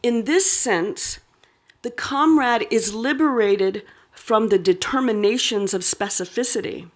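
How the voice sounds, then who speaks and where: A woman's voice: on the high side, measured pace. A woman giving an academic lecture, reading a prepared text aloud with occasional asides and fillers. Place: lecture hall.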